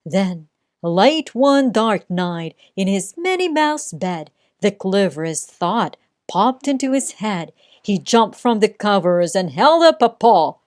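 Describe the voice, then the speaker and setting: A woman reading a rhyming children's story aloud in a sing-song way, with dramatic pauses. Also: mid-range voice, animated, no room sound, clean studio sound. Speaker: storybook reader. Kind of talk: children's read-aloud narration.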